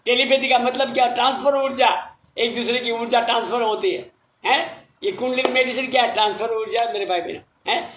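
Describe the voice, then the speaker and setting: A man, a meditation teacher who reads viewer comments slowly, spelling out names letter by letter and apologizing with repeated thanks. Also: very high-pitched, steady tone, roomy sound, noisy background. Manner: humble and apologetic. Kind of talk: casual talk reading viewer comments.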